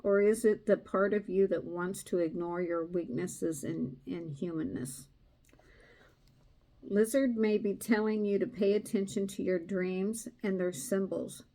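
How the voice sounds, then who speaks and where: A soft-spoken woman giving a casual tarot reading, hesitant with many fillers, reading aloud from a card book. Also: medium pitch, unhurried. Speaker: tarot reader.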